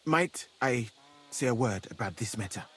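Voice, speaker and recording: In a natural, mid-range voice, a man plays a game's foreign physician, a calm and learned figure. He speaks with formal, measured restraint and a dry irony.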